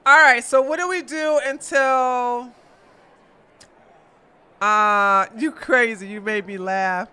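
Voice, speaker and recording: Speaking slowly with long pauses, in a clear, resonant tone, a woman hosts a casual livestream and reads her viewers' messages. She greets them with loud, high exclamations and often laughs while teasing the chat.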